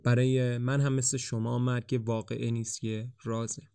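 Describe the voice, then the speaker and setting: Calm, mysterious doctor in a storybook reading, voiced by a man; gentle and thoughtful. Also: medium pitch, vocal fry, smooth, no echo, studio quality, lightly acted. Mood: calm, reflective. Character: calm, mysterious doctor who sees off the dying. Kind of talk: audiobook dialogue reading.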